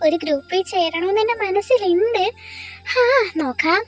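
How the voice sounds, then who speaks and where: A cheeky young college girl, voiced by a woman, who talks in a very high, girlish voice. She pleads and chatters dramatically in a fan-made audio story. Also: lively intonation, normal speed, soft background music.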